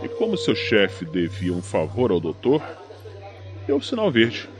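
An actor in a crime audio drama playing a vengeful enforcer, taunting, sardonic and foul-mouthed, speaking deliberately. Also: male voice, on the low side, wildly swooping pitch. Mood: taunting, controlled menace. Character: menacing, vengeful male enforcer avenging his brother. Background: music.

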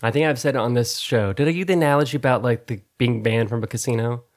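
A man co-hosting a podcast in casual chat, animated and profane, laughing often. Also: mid-range voice, quick pace. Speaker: podcast co-host.

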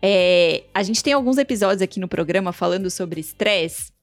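A woman hosts a podcast and lays out her thoughts in a calm, explanatory way. The recording is dry and close, with no room sound. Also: fairly low pitch, moderate pace, dry recording, faint music behind. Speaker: podcast host. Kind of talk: casual chat.

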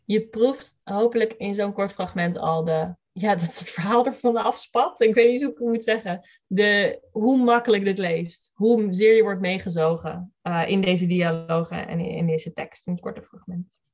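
A woman's voice: mid-range voice, normal speed, darkish tone. A woman hosting a book discussion, thoughtful and searching for words, who also reads excerpts aloud. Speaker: podcast host discussing a book.

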